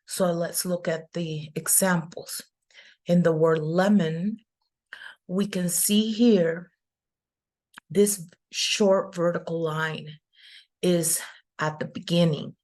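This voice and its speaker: Patient woman teacher, lowish voice, unhurried explanations. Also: a little mellow. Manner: patient, explains step by step with fillers. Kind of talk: online class lecture.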